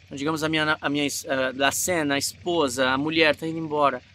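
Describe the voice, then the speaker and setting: A man from Brazil with a Brazilian Portuguese accent, giving a casual acting lesson in an animated way and showing emotions as he talks. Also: a little high, quick pace. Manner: animated, demonstrates emotions mid-talk. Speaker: acting teacher.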